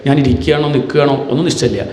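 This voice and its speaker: A man's voice: mid-range voice, a little mellow, slight background noise. Man giving a devotional discourse in a reverberant hall. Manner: storytelling in first person, slowly chants verses. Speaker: scripture discourse speaker. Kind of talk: devotional discourse with Sanskrit verse chanting.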